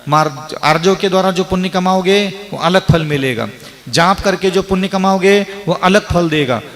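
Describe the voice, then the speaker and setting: A man delivers a sermon as a monk, his voice sitting on the higher side. He builds long repeated lists and breaks into the voices of the people he talks about. The sound rings with a long hall reverb. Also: normal speed. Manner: animated, acts out the voices of devotees and grain; repeats phrases in lists for emphasis. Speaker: Jain monk preacher.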